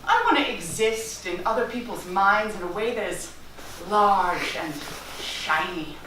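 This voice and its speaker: A woman's voice: medium pitch, expressive, unhurried, bright, forceful tone. A woman playing a boastful, vain male escape artist, speechifying in a grandiose, self-important way in a stage monologue. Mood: pompous. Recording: echoey distant stage recording, noisy.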